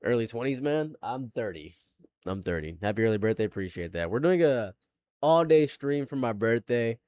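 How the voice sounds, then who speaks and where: A man's voice: medium pitch, lively intonation, normal speed, darkish tone, no room sound. Man in his late twenties, dry close sound. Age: late 20s. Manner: rambling and repetitive, laughing often. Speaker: live streamer. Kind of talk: casual live-stream chat.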